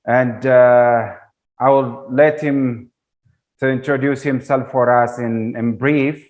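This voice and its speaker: A man's voice: medium pitch, steady tone, slow, darkish tone. Formal male TV interview host. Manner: formal, with frequent hesitations.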